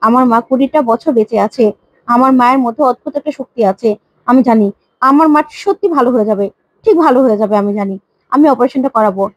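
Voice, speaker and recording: A woman's voice: a little high, quick pace, no echo, dull audio, lightly acted. A woman voicing a determined young daughter who insists earnestly, in a retold serial story.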